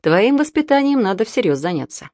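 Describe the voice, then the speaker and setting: A woman's voice: medium pitch, very animated, brisk, darkish tone, no room sound, voice pushed up, lightly acted. A woman voicing a strict middle-aged aunt who scolds in curt, stern phrases.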